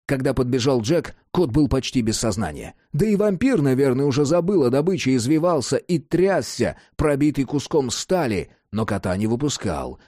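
Male audiobook narrator with a lively, dramatic delivery and a dry, close sound. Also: mid-range voice, dry recording. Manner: animated, dramatic reading.

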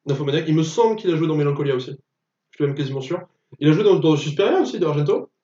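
A blunt, opinionated man chatting casually about films on a podcast. His voice sits a little high and is picked up from a distance. The room is echoey and the recording is dull. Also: lively intonation, very fast, dark tone. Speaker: podcast co-host. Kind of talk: casual film podcast chat.

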